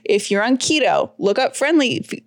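A woman's voice: fairly high pitch, very animated, moderate pace, dry recording, studio quality. A woman host giving a conversational advertising read for a sponsor. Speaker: show host reading a sponsor ad.

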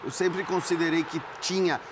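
A man giving measured football analysis in long qualified sentences. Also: fairly high pitch, level tone, background noise. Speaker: football pundit. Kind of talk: studio football debate.

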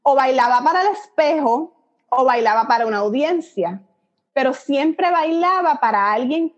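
A middle-aged Puerto Rican woman, a psychologist guest, explaining her ideas in a reflective, conversational way with little fillers. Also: high voice. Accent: Puerto Rican Spanish. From Puerto Rico. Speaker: guest, psychologist and dance method creator. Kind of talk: conversational interview. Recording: dull lo-fi audio.

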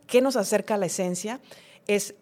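A woman's voice: medium pitch, moderate pace, darkish tone. A middle-aged woman, a podcast guest, talking reflectively in a conversational interview and acting out her own inner dialogues.

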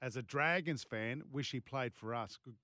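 A man's voice: mid-range voice, normal speed, bright, forceful tone, dry recording, studio quality. A man with an Australian accent hosting a sports radio show in a casual, matey style.

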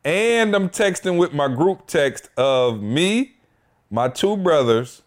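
A man's voice: fairly high pitch, lively intonation, slow pace. Playful young man hosting a podcast. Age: young adult. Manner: playful, slangy, teasing. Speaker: podcast host. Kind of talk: casual chat.

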